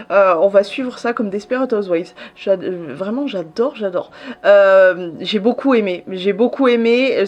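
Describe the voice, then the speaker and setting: Chatty French-speaking woman vlogger. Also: medium pitch. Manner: chatty, many fillers and restarts. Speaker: YouTuber reviewing series. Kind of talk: casual chat to camera.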